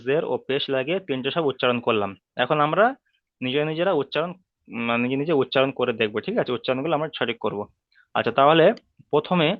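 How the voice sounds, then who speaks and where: A man who teaches Arabic reading in an online class. He talks patiently and repeats each sound slowly so students can drill it. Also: medium pitch, no echo. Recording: dry, tinny phone-like call audio.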